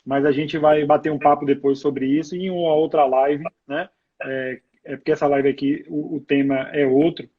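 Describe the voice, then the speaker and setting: A man hosts a live chat in a slightly high, husky voice, reading viewer comments aloud and restarting his sentences now and then. The sound is dull and lo-fi, like video call audio. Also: fairly even intonation, moderate pace. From Brazil. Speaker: live show host. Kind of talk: casual live interview.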